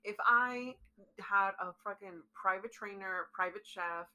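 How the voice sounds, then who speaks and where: A young woman co-hosting a casual chat, animated, getting worked up and restarting her thoughts. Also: mid-range voice, a little slow, rough recording. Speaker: podcast co-host.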